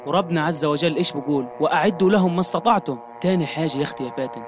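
Male actor as a devout young son: high, quick, confident. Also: a little hiss or hum, lightly acted. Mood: preachy. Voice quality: preachy, confident. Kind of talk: radio drama acting.

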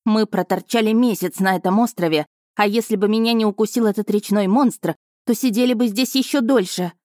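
A woman voicing a stubborn, sharp-tongued young heroine with sarcastic, sulky retorts. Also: mid-range voice, fairly quick, no echo, studio quality, pitched above the performer's own voice, close to an everyday voice.

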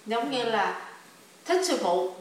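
A woman's voice: fairly high pitch, sing-song, slow, recorded from a distance. A woman explaining a family matter to a spiritual master, hesitant and restarting often. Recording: echoey room, voice from afar, faint noise.

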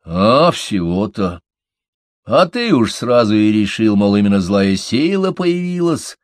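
A man's voice: mid-range voice, big pitch swings, unhurried, no room sound, studio quality, voice pushed up. A man voicing a small, sarcastic male dwarf who scoffs and trades folksy sayings. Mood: agitated.

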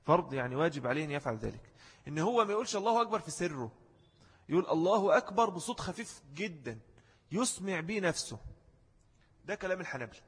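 A man's voice: fairly high pitch, big pitch swings, quick pace, slightly rough. A man with an Egyptian Arabic accent giving a religious lesson, explaining rules step by step and acting out wrong and right pronunciations. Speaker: religious teacher. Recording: long hall reverb.

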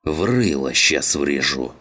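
A man acts out a rough thug in an audiobook. His voice is very deep. He speaks slowly and threateningly, spitting out his insults. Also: animated, pushed and bright, exaggerated voice.

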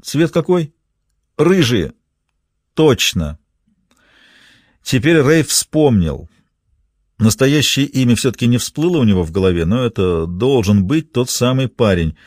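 Male thriller narrator, lively pitch, dry close-miked studio voice, dramatic delivery. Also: normal speed, dry recording. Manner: dramatic, tense storytelling. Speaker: audiobook narrator.

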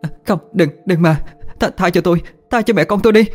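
A man's voice: sits high, fairly quick, long reverb tail, soft background music, pitched above the performer's own voice. A man voicing a terrified young mother who begs for mercy in panic. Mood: terrified pleading. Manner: pleading, panicked.

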